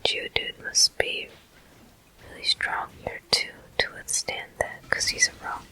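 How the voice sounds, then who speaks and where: Very slow, gentle and deliberate, an ASMR host narrates gameplay entirely in a breathy whisper. Crisp, very bright hissing air takes the place of a full voice.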